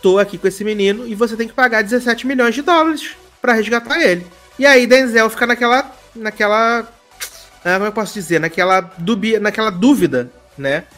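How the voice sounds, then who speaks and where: A man's voice: sits high, a little fast. Brazilian male podcaster, chatty film recap, acts out dialogue, faint music bed. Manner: animated storyteller acting out dialogue voices. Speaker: podcast co-host. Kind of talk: casual chat, retelling a film plot.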